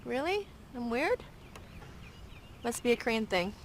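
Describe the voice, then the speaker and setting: An actress in a comedy sketch with a dry, pointed comic delivery. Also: female voice, on the high side, sing-song, measured pace, a little hiss or hum.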